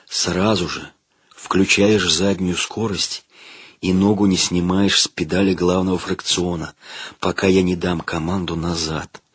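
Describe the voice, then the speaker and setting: A man voicing a young lieutenant commanding a self-propelled gun crew, giving orders and shouting in battle. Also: low-pitched, fairly even intonation, a little slow, slightly rough, no room sound, voice pushed down. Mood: calm orders. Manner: commanding, then frantic shouting.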